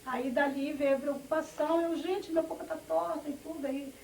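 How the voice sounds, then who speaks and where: A woman's voice: sits high, fairly even intonation, brisk, gravelly, a little mellow, a little hiss or hum. A middle-aged woman giving a personal testimony, telling her story with quoted family dialogue. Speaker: church testimony speaker. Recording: echoey, from far off, music behind.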